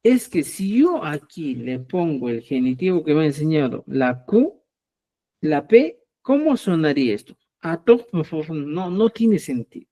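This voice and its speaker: A man leads a live language lesson in a dark, mellow voice. He explains rules patiently and repeats example words slowly, syllable by syllable. He keeps checking that his listeners follow. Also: on the high side, big pitch swings. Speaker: Quechua language teacher. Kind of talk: live online class for teachers.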